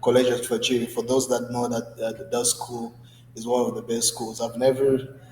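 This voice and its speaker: A man in his twenties from the Democratic Republic of Congo, a guest in an interview, telling his story in a relaxed way with many fillers. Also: mid-range voice, normal speed, echoey room, long reverb tail, a little hiss or hum, poor audio. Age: 20s. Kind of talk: conversational interview.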